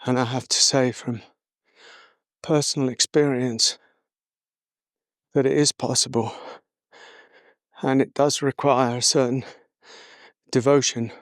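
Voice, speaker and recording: A man walking through the hills outdoors, a little out of breath, reflecting slowly with many pauses as a spiritual teacher. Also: medium pitch, fairly even intonation, no room sound, studio quality. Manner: slow, reflective, pausing often. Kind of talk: walk-and-talk reflection.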